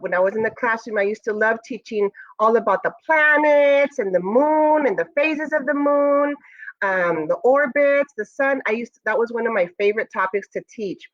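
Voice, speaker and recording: An American schoolteacher reads a picture book to children with lots of expression, turning now and then to speak to her pupils directly. Her voice sits at a medium pitch, and the recording has its high frequencies cut off.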